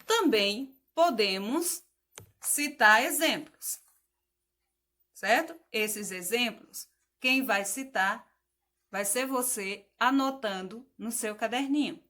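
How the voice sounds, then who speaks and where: A woman's voice: on the high side, takes it slowly, sharp tone. A woman teacher giving a patient phonics lesson to children, spelling out letters, asking questions and praising the answers.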